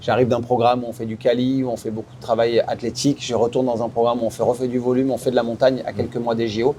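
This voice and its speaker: A man in his forties tells his stories at a quick clip, one after another. His voice is dark and mellow. Faint room ambience sits behind him in a podcast interview. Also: mid-range voice, a little hiss or hum. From France. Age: 40s. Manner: animated storyteller, quick and chatty. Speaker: former Olympic swimmer, guest.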